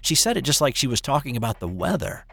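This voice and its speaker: An older man telling his own eerie childhood story in the first person, hesitant and hushed, with small restarts. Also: mid-range voice, very animated, fast talker, gravelly, husky, no room sound. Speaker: narrator of a true eerie story.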